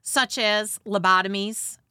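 A woman's voice: mid-range voice, fairly even intonation, unhurried, sharp tone, clear, resonant tone, no room sound, studio quality. A woman hosting and narrating from a script with casual, conversational asides and a dramatizing touch. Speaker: host.

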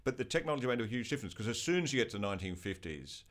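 A man hosting a conversational talk, relaxed with stumbling restarts. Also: mid-range voice, racing. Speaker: host.

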